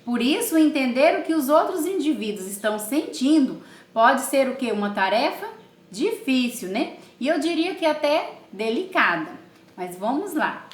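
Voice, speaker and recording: Animated woman teacher in an echoey room. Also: sits high, normal speed. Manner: asks questions and answers them herself, with many tag questions. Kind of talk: online class reading a story aloud.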